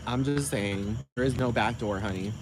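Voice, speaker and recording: A man's voice: medium pitch, moderate pace, noisy background. A man from the United States on a casual, rambling rant, sassy and profane, often asking rhetorical questions.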